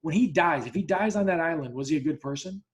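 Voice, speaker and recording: Speaking quickly with lively intonation, a man whose voice is a little high hosts a casual podcast. He tells his story bluntly, restarting often, swearing freely, and acting out each side of the quoted conversation.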